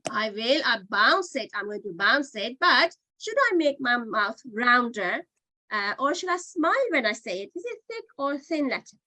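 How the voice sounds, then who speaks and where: A woman's voice: fairly high pitch, very animated, moderate pace, pushed and bright, no room sound, low-quality recording. A woman teaching a Qur'an reading class online, patiently explaining and sounding out letters again and again. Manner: patient, demonstrates sounds by repeating them.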